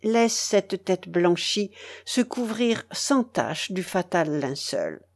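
Woman doing a solemn bishop, grave, admonishing, slow and measured. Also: lowish voice, sing-song, vocal fry, exaggerated voice.

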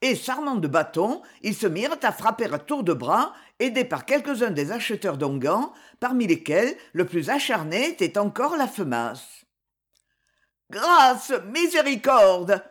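An expressive audiobook narrator reads an old adventure novel with theatrical flair. The voice rises and falls in a lively, animated way, mid-pitched. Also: normal speed, few pauses, husky. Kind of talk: scripted narration of a historical novel.

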